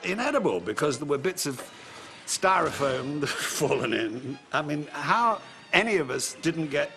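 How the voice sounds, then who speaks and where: A man's voice: a little high, big pitch swings, moderate pace, bright, forceful tone, slight background noise. A man reminiscing about film shoots in an interview, with a wry, dry manner. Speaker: actor recalling a film shoot.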